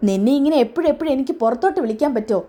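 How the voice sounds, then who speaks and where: A woman's voice: sits high, expressive, rapid-fire, mellow. A woman voicing a secretive, insistent young adult son in a retold serial story.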